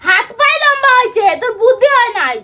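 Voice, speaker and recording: A woman's voice: extremely high pitch, big pitch swings, quick pace, noisy background. A woman grumbling and scolding in a whiny, sleepy voice during casual family banter. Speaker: family member being woken.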